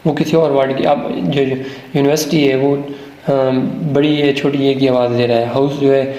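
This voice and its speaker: A man teaches a grammar lesson at a middle pitch. He keeps asking the viewer questions and answering them himself, and he reads example sentences slowly, word by word. The room has a noticeable echo. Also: flat delivery, warm tone, muffled recording. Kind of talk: classroom-style grammar lesson. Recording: roomy, echoey room.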